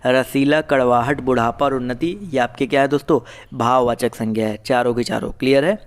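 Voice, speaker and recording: A man's voice: mid-range voice, steady tone, fairly quick. A man teaching an online exam-prep class, reading out questions and options, then explaining each answer to his viewers. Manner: addresses viewers as friends, asks "clear?"; reads out options and answers them one by one.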